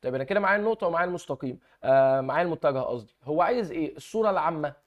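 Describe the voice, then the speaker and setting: A man's voice: fairly high pitch, expressive, racing, highs cut off. A young man with an Egyptian Arabic accent teaching an exam review lesson, coaxing students and answering his own questions. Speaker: math teacher.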